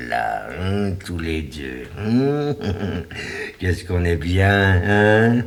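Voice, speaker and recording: An actor playing a vain, manipulative crime writer in a 1980s radio drama, theatrical and swinging between cooing whispers and shrill outbursts. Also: male voice, a little hiss or hum. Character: scheming middle-aged male crime writer, vain and manipulative. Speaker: Anselme Leroy, suspect author.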